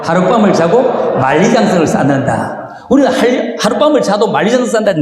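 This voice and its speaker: Older guy lecturing a crowd, highish voice that swings all over, keeps quizzing people, super echoey hall. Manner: animated, quizzes the audience with questions. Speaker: lecturer at a gathering. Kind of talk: lecture to a live audience. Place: large meeting hall. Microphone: small microphone. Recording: very echoey hall with long reverb.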